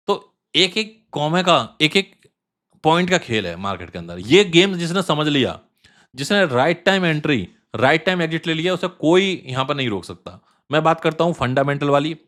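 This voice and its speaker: A man hosting a crypto trading channel, talking casually through chart analysis, repeating phrases for emphasis and filling pauses with fillers. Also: on the high side, a bit bright.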